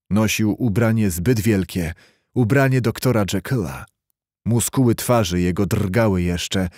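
A man reading a literary audiobook in a measured storytelling way. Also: lowish voice, darkish tone, dry recording, clean studio sound. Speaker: audiobook narrator. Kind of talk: scripted literary narration.

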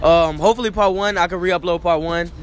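A man's voice: high-pitched, fairly even intonation, a little fast, slight background noise. Playful young man quizzing strangers. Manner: playful, laughing, slangy trick questions. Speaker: street quiz host. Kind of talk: casual street interviews. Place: outdoor shopping center and stores. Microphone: phone held out as mic.

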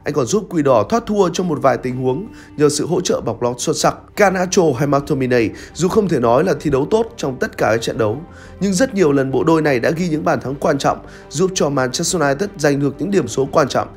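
A young man reads a scripted football review as a commentator, with a lively, dramatic storytelling delivery, recorded on a studio set with a lavalier mic. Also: on the high side, fairly quick, soft background music. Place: red studio set with screens. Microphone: lavalier mic on shirt.

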